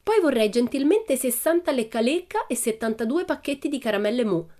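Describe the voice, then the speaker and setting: Storybook: woman reader doing a brash, fearless little girl, high and punchy. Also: lively intonation, a little fast. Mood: cheeky. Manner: loud, emphatic and high-spirited. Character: bold cheerful little girl, carefree and cheeky. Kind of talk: audiobook character reading.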